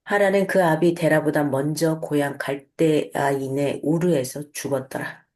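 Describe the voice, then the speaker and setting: Low-voiced woman teaching the Bible casually. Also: a little slow. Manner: relaxed, conversational, with fillers and self-corrections.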